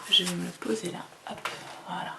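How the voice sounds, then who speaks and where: A woman giving a card-reading guidance in a calm, hesitant way, with many fillers, seated at a table with her cards. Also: fairly low pitch, fairly quick, gravelly, heavy background noise. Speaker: tarot reader.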